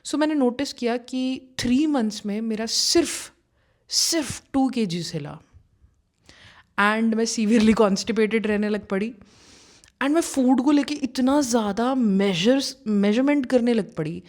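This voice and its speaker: Slightly high-pitched, animated yet unhurried and a little mellow, a young adult woman tells her own story to camera. The manifestation coach keeps it conversational, mixing English phrases into Hindi with plenty of fillers such as "you know."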